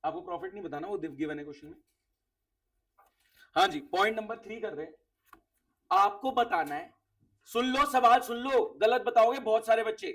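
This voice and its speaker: A man's voice: high-pitched, normal speed, pauses often, a bit bright, recorded from a distance. A man teaching accounts to a class of students, quizzing them, repeating key words and sending off those who answer right.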